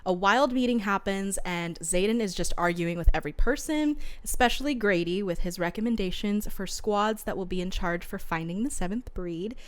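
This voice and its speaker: A woman's voice: mid-range voice, moderate pace, few pauses. A young woman co-hosting a casual book podcast, chatting in a bubbly, giggly sorority-girl manner. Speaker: podcast co-host.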